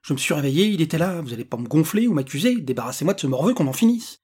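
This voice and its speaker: A man voicing an exasperated adult man who swears, with a husky voice, reading a storybook. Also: fairly high pitch, sing-song, very fast, a little mellow. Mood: defensive. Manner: blunt, swearing, irritated.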